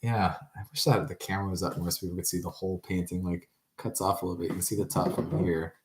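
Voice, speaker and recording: A man's voice: deep voice, steady tone, quick pace, slight background noise. A man in his twenties hosting a podcast, chatting casually and rambling with jokes and fillers. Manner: rambling, joking, many fillers. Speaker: podcast host. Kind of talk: casual chat.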